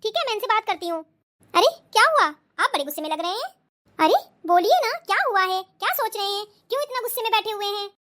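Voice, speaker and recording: A polite young daughter-in-law from a cartoon, pleading softly with her family, as a woman voices her. Her voice sits very high and sounds bright and crisp. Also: animated, quick pace, full character voice. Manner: polite, pleading, soft-spoken. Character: young Indian wife, pleading and dutiful. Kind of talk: cartoon voice acting.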